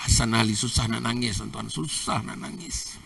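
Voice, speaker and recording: A man's voice: medium pitch, moderate pace, gravelly, fairly bright tone, recorded from a distance, a little hiss or hum. An older man with a Malaysian Malay accent preaching in a mosque, who repeats his phrases and keeps addressing the audience. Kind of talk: mosque religious lecture. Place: mosque hall.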